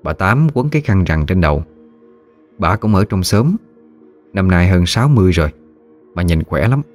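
A man with a Mekong Delta Vietnamese accent narrating a folksy village story in an easy, unhurried way. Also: sits low, very animated, faint music behind.

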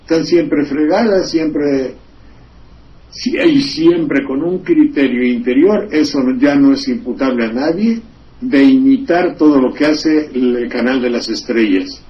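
A man's voice: medium pitch, unhurried. A Mexican man at a studio microphone wanders through sardonic political commentary, full of asides and wordplay. His voice sits in a middling register. The radio recording sounds slightly dull and lo-fi. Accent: Mexican Spanish.

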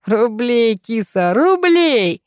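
A woman's voice: on the high side, sing-song, extremely slow, a little mellow, no room sound, pitched above the performer's own voice, heavily acted. Woman as an unflappable sly man, drawling, teasing, sarcastic, dry close sound. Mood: mocking.

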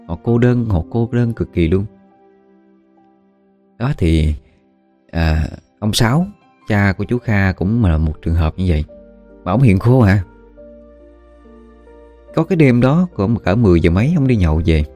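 Man, Southern Vietnamese accent, casual storytelling, relaxed low mellow voice, drifting filler sounds. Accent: Southern Vietnamese, Mekong Delta. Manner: folksy, rambling, with frequent "à" fillers.

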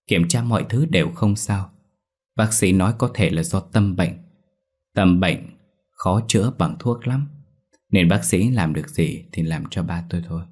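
A man narrating a first-person ghost story in a steady, somber way. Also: deep voice.

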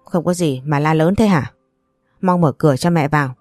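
Brief: a female narrator doing an angry older mother-in-law in an audio story, low voice, dry sound. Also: moderate pace, a little mellow, no echo, faint music behind, lightly acted. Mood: demanding. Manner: harsh, scolding, accusing.

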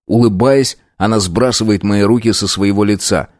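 Low-voiced male audiobook narrator. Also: steady tone, normal speed, no echo, clean studio sound. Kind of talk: first-person audiobook narration.

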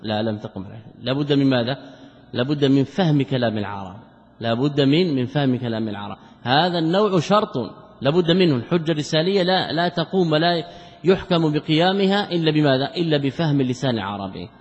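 A man's voice: on the high side, lively intonation, fast. Man giving a religious lesson, asks himself questions then answers, muffled lo-fi sound, long hall echo. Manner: explains by posing rhetorical questions and answering them; repeats key phrases for emphasis. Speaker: sheikh teaching a classical text. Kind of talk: religious lecture commentary.

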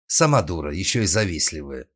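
A man's voice: low-pitched, big pitch swings, brisk, a bit bright, full character voice. A man voicing a brash, tipsy, impulsive young woman in an audiobook, speaking flippantly.

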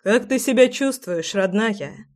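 A woman voicing a playful young husband in an audiobook, speaking softly and intimately, with no real change from her own voice. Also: on the high side, expressive, measured pace. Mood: tender, playful. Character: teasing, tender young husband in love.

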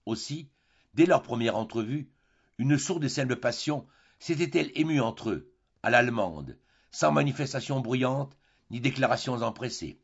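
Gravelly man reading a classic novel. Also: mid-range voice, expressive, normal speed, muffled recording. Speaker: audiobook narrator. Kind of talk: scripted classic-novel narration.

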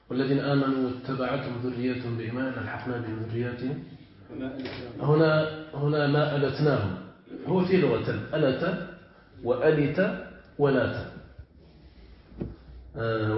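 A man teaching as a sheikh, his voice heavily echoing around a large room. He lingers on key words and keeps asking his listeners whether they follow. The recording sounds dull and lo-fi. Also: medium pitch. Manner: stretches key words slowly, keeps checking understanding. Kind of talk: classroom lesson with questions to students.

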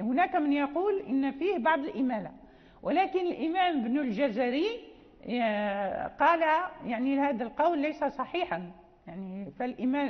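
A woman teacher giving a lecture on Quran recitation rules, explaining at length with many fillers and slowing down to recite quoted verses. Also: high voice. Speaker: teacher of Quran readings and tajweed. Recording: dull lo-fi audio with long reverb.

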